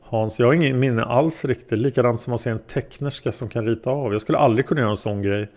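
A man reading the lines of a hesitant male taxi driver being questioned as a witness, in a plain, halting way. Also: mid-range voice, a little mellow, close to an everyday voice. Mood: unsure. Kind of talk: read-aloud interrogation transcript.

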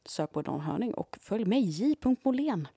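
A woman's voice: mid-range voice, big pitch swings, warm tone, husky, no echo, studio quality. A woman co-hosting a podcast in casual chat, chiming in eagerly with reactions. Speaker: podcast co-host.

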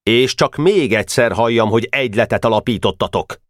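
A man's voice: medium pitch, dry recording, studio quality, pitched above the performer's own voice, close to an everyday voice. A man voicing a stern middle-aged schoolteacher who scolds a group of boys. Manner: scolding, commanding.

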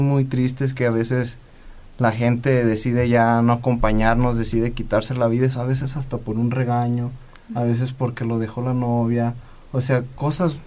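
A man's voice: mid-range voice, darkish tone. Earnest man talking on a podcast. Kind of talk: casual podcast conversation.

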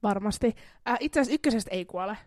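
A woman's voice: mid-range voice, animated, a little mellow, no echo, clean studio sound. A woman co-hosting a casual podcast game, playful and giggly, sometimes dropping to a near whisper. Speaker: podcast co-host.

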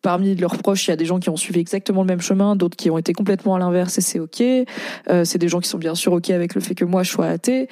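A woman's voice: fairly low pitch, quick pace, mellow, dry recording, clean studio sound. A young French-speaking woman hosting a casual podcast, reading and commenting on posts in a chatty way with many fillers.

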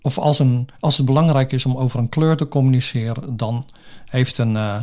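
A man lays out an idea in relaxed conversation. He thinks aloud, hesitating on fillers as he builds his sentences. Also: mid-range voice, moderate pace. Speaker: co-host discussing a research topic. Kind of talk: casual explanatory conversation.

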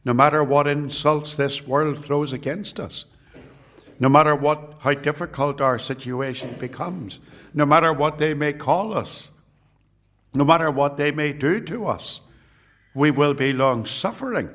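A man's voice: on the high side, unhurried, fairly bright tone. Man preaching an emphatic rallying exhortation. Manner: emphatic rallying exhortation built on repeated phrases. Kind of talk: sermon with scripture reading.

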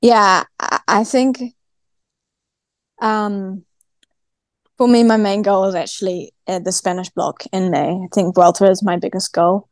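A woman's voice: mid-range voice, fairly even intonation, unhurried, long pauses, dry recording. A woman with a broad New Zealand accent, chatting casually as a guest athlete in a podcast interview. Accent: broad New Zealand (Kiwi). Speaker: guest, professional cyclist.

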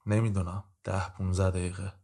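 A man's voice: sits low, level tone. A man reading a weary, muffled woman defendant. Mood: subdued. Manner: muffled, quiet, reluctant answers. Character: guarded, weary woman of thirty on trial.

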